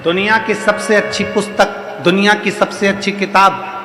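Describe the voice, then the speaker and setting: A man's voice: high-pitched, little pitch movement, normal speed. A man preaching a devotional sermon to a live audience, driving his points home with emphatic repeated refrains. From India. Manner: rhetorical repetition, emphatic refrains. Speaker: kathavachak preacher. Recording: roomy reverberant hall, faint music behind.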